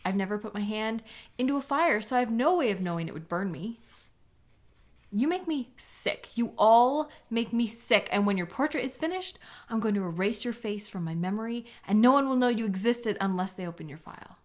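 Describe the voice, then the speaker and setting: In a dramatic audio roleplay, a woman plays an embittered, contemptuous police sketch artist, sounding angry and disgusted with a sarcastic, scornful manner. Her voice is on the high side with lively intonation, fairly quick, and lightly acted.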